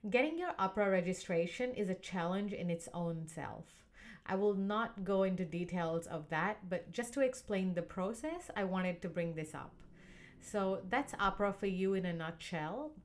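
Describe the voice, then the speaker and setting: A woman from Uganda who hosts her own channel, explaining a career process in a clear, earnest and steady way. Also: medium pitch, moderate pace. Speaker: channel host and doctor coaching for medical exams. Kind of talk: explanatory talk to camera.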